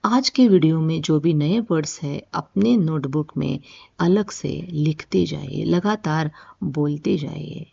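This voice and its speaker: Woman English teacher, slow patient drills, gravelly dark voice. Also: low-pitched. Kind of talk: spoken English lesson with drills. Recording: dull lo-fi audio.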